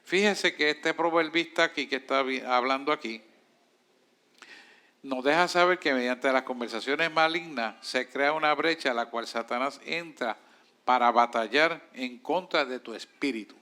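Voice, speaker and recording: A man's voice: mid-range voice, moderate pace, sharp tone. A man with a Puerto Rican accent teaching a church discipleship class in an emphatic, preacherly way and answering students' questions.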